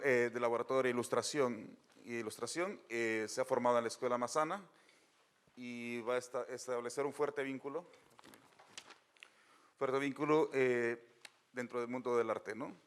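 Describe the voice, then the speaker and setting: A man's voice: medium pitch, clear, resonant tone. A man moderating a public science event, taking audience questions and introducing the next speaker.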